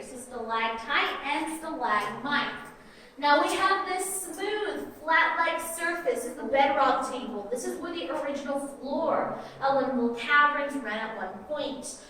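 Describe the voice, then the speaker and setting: High-voiced woman guiding in an echoing cave. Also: fairly bright tone. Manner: explanatory, addressing visitors directly. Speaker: cave tour guide. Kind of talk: guided tour commentary to a group. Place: inside a cavern. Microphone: distant microphone of a visitor's recorder. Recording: echoing cave, voice far from mic.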